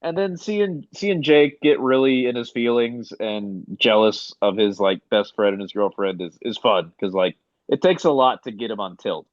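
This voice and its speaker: A man's voice: lowish voice, moderate pace, dry recording. A man hosting a podcast in casual chat, leading the talk and laughing often. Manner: laughs often, leads the discussion. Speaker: podcast host. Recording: dry, dull lo-fi mic.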